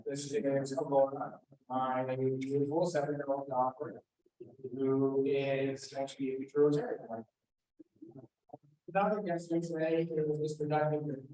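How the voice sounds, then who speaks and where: A man introducing his guests at a club meeting, friendly and a little halting, on a handheld microphone. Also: medium pitch, fairly even intonation, dark tone. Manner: friendly, with filler words. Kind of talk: casual spoken introduction. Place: large meeting room. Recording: very echoey room.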